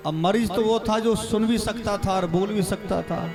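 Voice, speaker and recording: A man's voice: sits high, moderate pace. A man with a Haryanvi accent giving a devotional sermon at a temple gathering, telling a folk anecdote and acting out the voices in it. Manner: chanting then storytelling with acted quotes. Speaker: religious storyteller. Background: devotional music.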